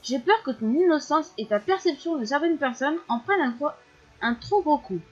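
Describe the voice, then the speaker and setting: A woman voicing a gentle, reserved young male elf in a game, speaking softly and briefly. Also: high voice, animated, normal speed, lo-fi sound. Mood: guarded.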